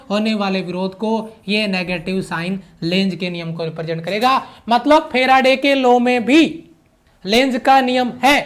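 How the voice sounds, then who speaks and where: A man giving an online physics lecture who repeats key phrases, mixes English physics terms into his explanation and keeps checking that the students follow. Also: very high-pitched. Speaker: physics teacher.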